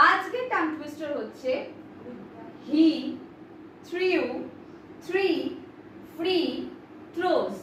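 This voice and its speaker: A woman teaching an online spoken English lesson, drilling phrases slowly and clearly and encouraging her students in a friendly way. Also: high voice, a bit bright, a little hiss or hum. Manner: slow, clearly spaced drilling of words. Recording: very echoey room, voice from a distance.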